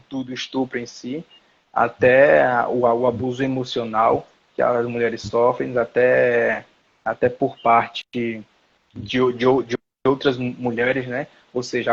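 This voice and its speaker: A man's voice: mid-range voice, breathy edge, lo-fi sound. A man, lecturing as a professor in a live online class and searching for words aloud as he explains.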